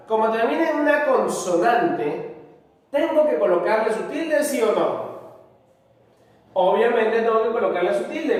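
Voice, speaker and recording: A man teaching a spelling lesson, speaking patiently, repeating key words and asking rhetorical questions to check understanding. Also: high-pitched. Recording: very echoey room, distant mic.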